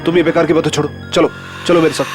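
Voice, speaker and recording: Actor playing a soothing young fiancé. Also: male voice, fairly high pitch, rapid-fire, loud music behind the voice, natural voice. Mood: dismissive. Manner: soothing, dismissive, steady. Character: calm, reassuring young fiancé, doubtful and practical. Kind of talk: broadcast horror TV drama.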